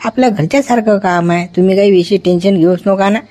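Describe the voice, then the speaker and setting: A man's voice: high voice, quick pace, a little mellow, lightly acted. A man playing a self-important hospital doctor in a comedy sketch, reassuring relatives and scolding staff. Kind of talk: village comedy sketch acting.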